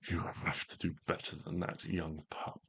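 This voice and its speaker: A man's voice: low voice, flat delivery, normal speed, a bit bright, a little hiss or hum. A man voicing a huge, proud female dragon taunting a rival in a tabletop game.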